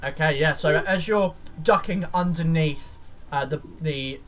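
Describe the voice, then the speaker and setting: A man with a bright, slightly high voice runs a tabletop roleplaying game as game master. He narrates haltingly and often rephrases mid-sentence. Light music plays behind him.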